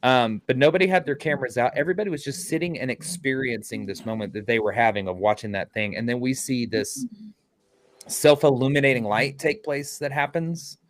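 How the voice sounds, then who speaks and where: A man of middle pitch tells a ghost-hunting story as a guest in a casual interview. He talks with energy and does the voices of the people he quotes. He sounds like an ordinary speaker, not a trained announcer. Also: brisk. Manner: animated, acts out quotes. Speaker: paranormal investigator.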